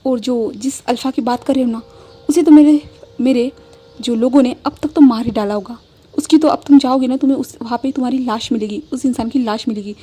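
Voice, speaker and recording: Possessive mafia guy, smug and pushy, high soft voice, woman reading it out. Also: brisk, breathy edge. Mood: gloating. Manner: pleading then gloating, emphatic. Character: possessive young male mafia boss, menacing.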